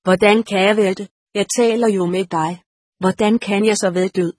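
A woman voicing a big, frightened, burly soldier with a gruff, disbelieving manner in an audiobook. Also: mid-range voice, steady tone, darkish tone, no room sound, studio quality, close to an everyday voice. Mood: indignant. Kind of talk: audiobook character reading.

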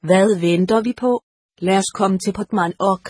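Impatient, bossy young she-cat read by a woman; husky storybook read. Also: a little mellow, no echo, clean studio sound, lightly acted. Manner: bossy, shrill and hasty.

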